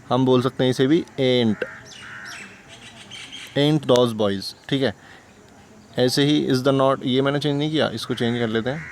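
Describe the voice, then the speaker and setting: A male teacher with a mother tongue explains English grammar in a relaxed, talky style. He repeats examples and keeps asking rhetorical questions. His voice sits in a middle pitch, with faint background noise and birdsong. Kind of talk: casual classroom explanation.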